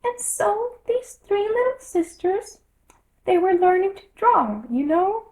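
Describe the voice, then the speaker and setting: A woman's voice: very high voice, big pitch swings, slow pace, darkish tone, voice pushed up, full character voice. A woman voicing a small, sleepy, easily offended male dormouse telling a story in a storybook reading. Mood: sleepy, storytelling.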